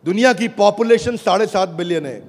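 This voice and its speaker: A man giving an energetic motivational business speech to a live audience, rallying the crowd. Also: high voice, brisk. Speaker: business speaker pitching an app. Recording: echoey hall with crowd noise.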